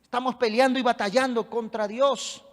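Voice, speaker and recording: High-voiced preaching man, long reverb. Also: steady tone, normal speed. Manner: emphatic preaching, calls for congregation responses. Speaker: pastor. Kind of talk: sermon.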